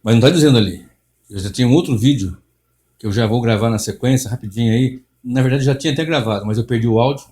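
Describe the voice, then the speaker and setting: A man's voice: medium pitch, quick pace, a little mellow. A middle-aged man, a pastor giving a Bible study in an emphatic, repetitive way with frequent restarts. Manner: emphatic, repeats and restarts, mocks others' theatrics.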